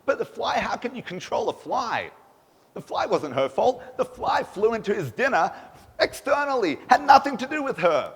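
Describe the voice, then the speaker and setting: Male rabbi, emphatic sermon delivery, high-pitched with a slightly raspy voice, long hall reverb. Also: moderate pace. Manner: animated, emphatic preaching with rhetorical questions. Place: synagogue sanctuary. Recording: echoey synagogue hall.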